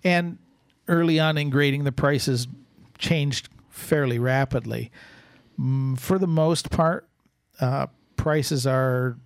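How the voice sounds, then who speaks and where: A man explaining as a podcast expert, casual but measured and halting in the way he talks. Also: mid-range voice, smooth, dry recording, clean studio sound.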